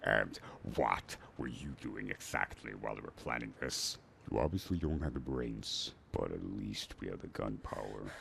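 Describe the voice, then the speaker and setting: An actor playing a ruthless, contemptuous male village leader in a game, with a very deep gravelly voice, barking orders. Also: animated, moderate pace, few pauses, a bit bright, slight background noise, heavily acted. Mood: commanding. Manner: barks orders, scornful. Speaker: village director.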